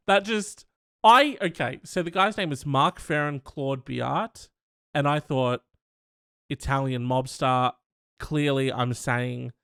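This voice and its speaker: A man's voice: mid-range voice, vocal fry, fairly bright tone, no echo, clean studio sound. A man hosting a comedy podcast, rambling and joking casually and swearing a lot. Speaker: podcast host.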